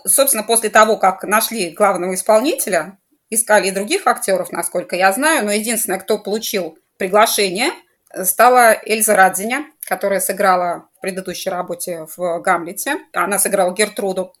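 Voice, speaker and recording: A woman co-hosting a conversational film discussion, talking in a measured, explanatory way. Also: medium pitch.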